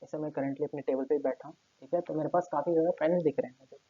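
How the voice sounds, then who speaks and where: A man's voice: fairly high pitch, fairly even intonation, racing, husky, no echo. A male teacher giving a recorded class lecture while seated at his table, explaining step by step and checking in with his students after almost every point. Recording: tinny phone-like lo-fi audio.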